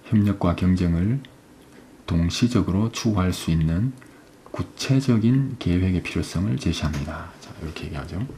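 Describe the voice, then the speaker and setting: This is a man with a low, dark voice teaching English. He explains an exam passage step by step, frequently checks "right?", and pronounces English phrases slowly, with slight background noise present.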